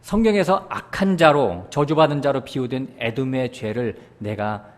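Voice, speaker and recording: A man preaching a sermon with strong swings in pitch and loudness. He often drops to a low, soft aside and checks with his listeners. He bursts upward when he voices quoted scripture. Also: moderate pace. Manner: animated preaching, voicing God's words with sudden rises in pitch and loudness; often checks with the congregation using short asides. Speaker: pastor.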